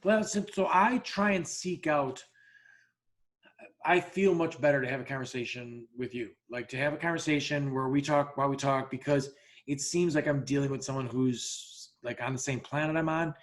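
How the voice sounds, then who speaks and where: Medium-pitched and moderately paced, a male podcast host spins a story in a casual chat. He swears freely and speaks bluntly, starting over again and again while performing both sides of any quoted exchange.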